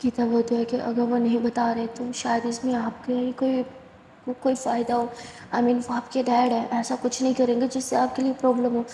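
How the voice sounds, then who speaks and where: Brief: woman storyteller, mellow voice, faint hiss, roomy reverb. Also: fairly high pitch, completely flat delivery. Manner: plain retelling, "she says" framing. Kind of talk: narrated love story. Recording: echoey room with long reverb, faint hiss.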